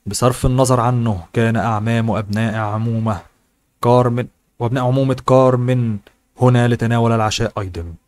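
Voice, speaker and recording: A man reads a novel aloud at a brisk clip, now and then tripping on a word and going back over it. His voice sits at a middling pitch. The recording is close and dry. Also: fairly even intonation, a little mellow, no room sound. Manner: reads fast, sometimes stumbles and corrects himself. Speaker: audiobook narrator. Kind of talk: reading a translated novel aloud.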